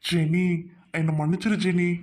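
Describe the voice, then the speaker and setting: A woman's voice: on the low side, fairly even intonation, normal speed, darkish tone, natural voice. A woman voicing a remorseful young man who pleads and apologises, in an audio drama. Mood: pleading.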